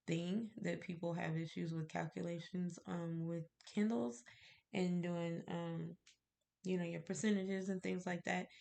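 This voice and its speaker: A woman with a lowish, gravelly, darkish voice is stuffed up with a cold and sounds nasal and congested. She chats casually to the camera about making candles, rambling with fillers and small laughs.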